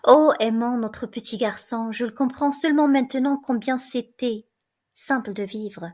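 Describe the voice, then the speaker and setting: A woman reading the part of a weary young woman prisoner facing death, in a soft, tired murmur. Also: a little high, measured pace. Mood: frightened.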